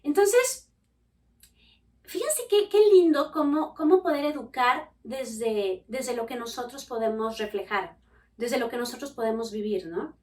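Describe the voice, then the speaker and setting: A woman's voice: a little high, a little slow, distant mic. A woman, a podcast host and family coach telling personal stories to her listeners, acting out the voices she quotes. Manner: expressive, acts out quoted voices.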